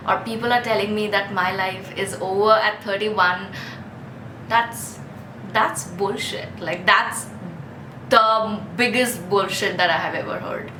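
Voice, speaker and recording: A woman's voice: fairly high pitch, sharp tone, roomy sound, a little hiss or hum, poor audio. A woman in her thirties from India giving a casual, earnest self-help talk to camera, chatty with frequent restarts. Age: 30s. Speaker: vlogger. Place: Mumbai street with ambient noise.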